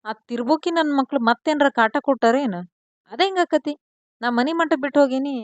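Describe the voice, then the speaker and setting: A woman doing a gruff North Karnataka village husband. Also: a little high, normal speed, no room sound, natural voice. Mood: angry. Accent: North Karnataka Kannada. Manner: blunt rustic questioning. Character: young village husband, gruff but worried.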